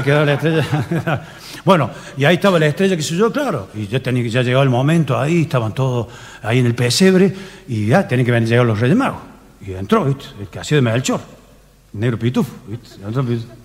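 A man's voice: mid-range voice, lively intonation, fast talker. A man with an Argentine accent telling a comic story, chuckling through his lines. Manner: laughing while telling the story. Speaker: comedian. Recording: faint hall reverb with light noise.

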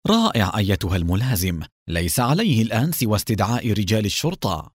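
A man voicing a calm, sarcastic male secret agent hero in an audiobook. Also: lowish voice, quick pace, husky, no room sound, studio quality. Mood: calm mocking.

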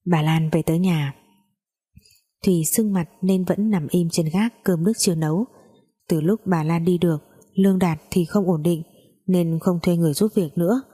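A woman narrating a story in a lively, conversational way. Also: on the low side, normal speed, breathy edge.

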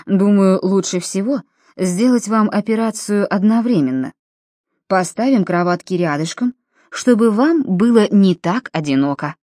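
A woman reading an audiobook, voicing a cheerful, smooth-talking middle-aged male dentist in a slightly lowered voice. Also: measured pace, no echo, studio quality, close to an everyday voice. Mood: reassuring. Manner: genial, flattering, slightly lowered voice.

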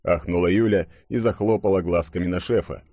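Guy narrating an audiobook, low even voice, dry sound. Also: fairly quick, no room sound.

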